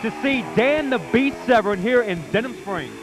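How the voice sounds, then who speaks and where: A man's voice: very high voice, normal speed, over music, low-quality recording. A man giving live wrestling commentary from ringside in an enthusiastic, emphatic way.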